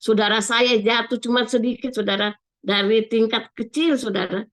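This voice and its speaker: A woman's voice: a little high, steady tone, moderate pace. An older woman giving a sermon with a personal testimony over a video call, earnestly and often turning to her listeners. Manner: keeps addressing listeners as brothers and sisters, earnest. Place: online video meeting.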